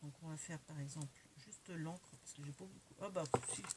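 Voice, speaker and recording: A woman's voice: low voice, steady tone, a little fast, heavy background noise. A woman casually showing her craft-supply purchases in a chatty, hesitant way, correcting herself often. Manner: chatty, many fillers and self-corrections. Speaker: crafting vlogger.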